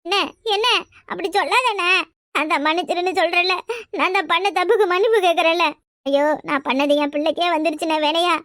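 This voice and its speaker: Cartoon scheming sister with a Tirunelveli Tamil accent, very high squeaky voice, rapid whiny talk, as a woman does her. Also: fairly bright tone, no echo, studio quality. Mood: pleading. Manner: rapid pleading, whiny protesting. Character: scheming younger sister, fast-talking, defensive.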